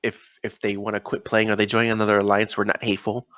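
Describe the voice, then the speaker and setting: A man's voice: fairly low pitch, completely flat delivery, fast talker, fairly bright tone, lo-fi sound. A man co-hosting a gaming podcast in casual chat, rambling with many fillers and laughs. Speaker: podcast co-host.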